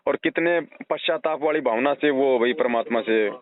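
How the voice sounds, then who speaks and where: Through a narrow, tinny phone line, a religious counsellor advises a devotee in a mid-range voice at normal speed. He's earnest and explanatory, illustrating his devotional advice with everyday analogies.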